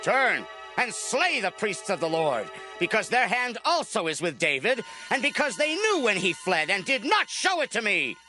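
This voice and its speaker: High, forceful, wrathful king. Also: very animated, moderate pace, faint music behind, heavily acted. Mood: furious. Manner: declamatory, theatrical, archaic speech. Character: wrathful, paranoid king accusing his servants of treason. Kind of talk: dramatized scripture acting.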